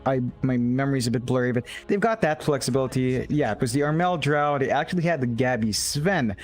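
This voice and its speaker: A man casting an esports match, giving quick analytical draft commentary with stammered restarts. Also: medium pitch, faint music behind. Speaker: esports caster.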